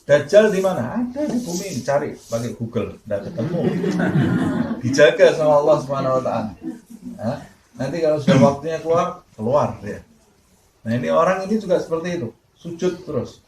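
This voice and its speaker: In an echoey room with a faint hum of background noise, a man preaches a tafsir sermon, narrating a story with Arabic quotes and rhetorical questions. His voice runs on the high side with a darkish tone, animated and at normal speed.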